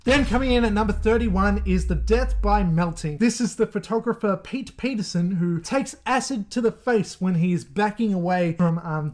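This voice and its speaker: Guy with a pretty high voice rambling on about horror flicks, laughs a lot, super casual. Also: darkish tone. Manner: chatty, rambling, laughs often. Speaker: horror movie YouTuber. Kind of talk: casual ranking commentary.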